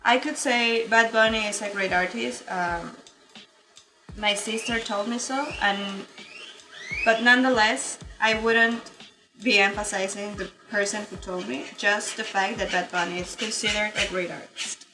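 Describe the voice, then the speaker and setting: A woman's voice: mid-range voice, fairly even intonation, a little slow, over music, poor audio. A woman teaching an online English grammar lesson, explaining patiently and checking in with her students often. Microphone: computer mic in virtual session.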